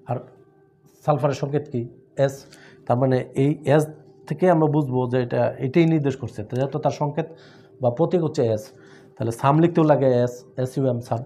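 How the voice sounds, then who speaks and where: A man with a mellow, dark-toned voice teaches chemistry. He walks through each point one step at a time, posing questions and answering them himself. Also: medium pitch. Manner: explains step by step with rhetorical questions. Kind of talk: classroom-style lesson with memory tricks.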